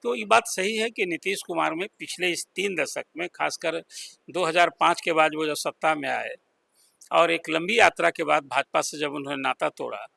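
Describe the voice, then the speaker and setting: A man giving political analysis as a senior journalist on a panel, explaining slowly with pauses. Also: on the high side, creaky, pushed and bright. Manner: deliberate, explanatory, with pauses and fillers.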